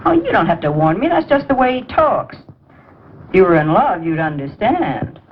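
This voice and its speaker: A woman's voice: mid-range voice, sing-song, moderate pace, a little hiss or hum, natural voice. An actress playing a brassy, slangy young woman in a 1940s film. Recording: muffled 1940s film soundtrack with score.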